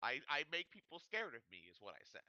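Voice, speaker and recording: Animated, bright-voiced man bantering at the game table. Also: fairly high pitch, no room sound, lo-fi sound. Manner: rambling, halting, jokey.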